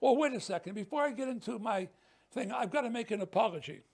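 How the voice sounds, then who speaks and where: Guy with a high voice telling his story at a press conference, emphatic, goes quiet then punches it up, stumbles a bit. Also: lively intonation, quick pace, husky. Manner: emphatic, dropping to a hush on painful memories and rising on defiant points; occasional stumbles and restarts. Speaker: ministry leader speaking at a news conference. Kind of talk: impassioned testimony speech.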